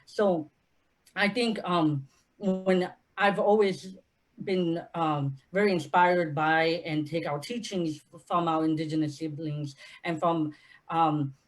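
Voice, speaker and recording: A woman's voice: deep voice, fairly even intonation, slow. A woman from Honduras speaking on a panel as an organizer, earnest and impassioned. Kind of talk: panel discussion.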